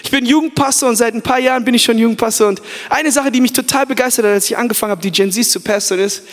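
Give me a high-pitched young man preaching animatedly to a crowd in an echoey hall. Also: very fast. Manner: animated, hype, full of restarts and English fillers. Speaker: youth pastor. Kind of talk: energetic sermon. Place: large hall with live audience.

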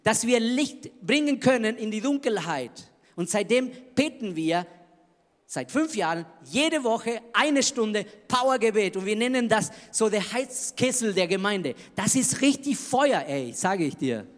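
A man preaching a sermon in an emphatic manner, swinging between loud bursts and hushed lines. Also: sits high, very animated, measured pace, long reverb tail. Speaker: pastor.

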